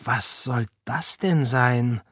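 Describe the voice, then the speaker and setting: A man's voice: medium pitch, takes it slowly, a bit bright, breathy edge, dry recording, studio quality. A man voicing a squeamish, bossy girl who shrieks in disgust in a children's audiobook.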